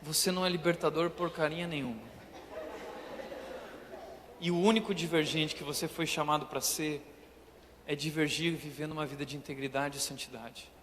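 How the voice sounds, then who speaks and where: A young Brazilian man preaching an animated, comedic sermon, acting out scenes, in a church auditorium. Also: a little high, moderate pace, long pauses. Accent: Brazilian Portuguese. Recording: reverberant church hall, faint noise.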